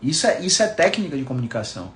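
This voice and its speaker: A man's voice: fairly high pitch, big pitch swings, a bit bright. A Brazilian-accented man in his thirties talks in a slightly raised register, colloquial and emphatic, as a physiotherapist would when addressing a handful of listeners live. The room around him is roomy and echoey, with a faint hiss underneath. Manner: emphatic, colloquial, deliberately shifts his intonation. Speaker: physiotherapist giving a talk. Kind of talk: informal live talk to a small online audience.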